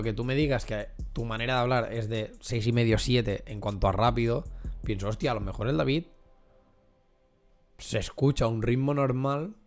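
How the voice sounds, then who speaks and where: A young man, co-hosting a podcast in casual, rambling, profane chat full of fillers and restarts. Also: mid-range voice. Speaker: podcast co-host.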